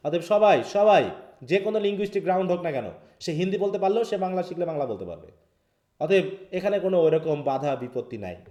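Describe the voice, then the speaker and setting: A man with a Bangladeshi accent leads a live linguistics lesson, walking through each point and checking in with his students. His voice sits a little high but sounds mellow and soft-edged. The sound carries an echo from the room around him. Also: animated, rapid-fire. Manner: explains step by step, mixing English terms, asks students questions. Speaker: English linguistics teacher. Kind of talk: live online class lecture.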